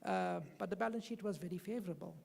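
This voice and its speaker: A panelist explains at length, agreeing with the floor and leaning on fillers. The voice is strongly gravelly, and the hall gives it a long reverb. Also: mid-range voice, fast talker, a little mellow. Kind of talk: panel discussion. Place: conference hall.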